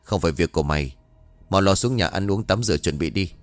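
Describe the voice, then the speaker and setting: A stern middle-aged mistress snaps short, scolding questions, read by a male narrator in a low voice. The sound is dry and close, with faint music under it, like a horror audio story. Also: quick pace, no echo, close to an everyday voice. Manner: scolding, curt.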